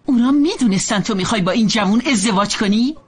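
A woman's voice: on the high side, animated, breathy edge. A middle-aged woman dubbing an indignant mother who grills her daughter in a drama. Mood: interrogating. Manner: indignant, interrogating. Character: outraged middle-aged mother, sharp and suspicious.

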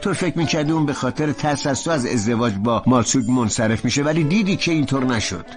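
A man dubbing a level-headed husband who reasons gently with his wife. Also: mid-range voice, lively intonation, faint music behind, natural voice. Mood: reasoning. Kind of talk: Persian dubbing of a TV drama.

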